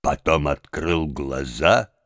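A man's voice: a bass voice, slow, fairly bright tone, dry recording. A man narrating a story as an audiobook, with dramatic, rising and falling emphasis, on a close microphone.

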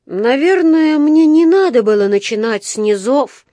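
A woman's voice: high voice, animated, measured pace, dark tone, dry recording, voice pushed up. A small, polite young bear, as a woman reader puts him on speaks in a raised, earnest little voice. He sounds meek and well-mannered, like a children's storybook character. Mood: glum.

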